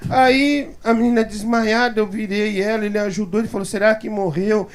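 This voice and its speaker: A man telling a comic anecdote as a guest on a talk show, animated and chuckling as he acts out the quoted voices of others. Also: high voice, brisk. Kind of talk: comic anecdote told to a live audience. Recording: live talk show with audience laughter. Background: studio audience laughter.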